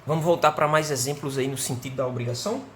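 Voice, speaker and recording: A Brazilian man teaching an English grammar lesson online. He explains patiently, keeps asking "né?" and "certo?", and slows down to model the English sentences. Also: medium pitch, a little hiss or hum. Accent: Brazilian Portuguese.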